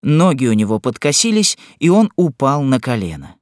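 A man narrating a classic novel as an audiobook, in a measured, expressive reading. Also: medium pitch, no echo, clean studio sound.

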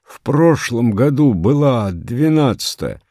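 A man doing a hoarse, rattled poet. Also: mid-range voice, lively intonation, slow pace, warm tone, dry recording, studio quality, pitched above the performer's own voice. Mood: stunned. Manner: stunned, muttering. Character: flustered failed male poet.

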